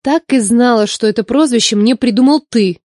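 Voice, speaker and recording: A man voicing a sharp-tongued young woman teacher in an audiobook, cool, curt and sarcastic. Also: extremely high pitch, fairly quick, no echo, clean studio sound, pitched above the performer's own voice. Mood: exasperated. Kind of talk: audiobook character voice.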